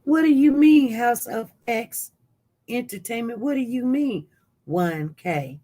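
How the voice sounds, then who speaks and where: Taking it slowly, a talkative live-stream host covers the news casually and reads out viewer chat. The voice jumps up loud and high when reacting, then sinks to a low mutter, and the speech rambles with many restarts.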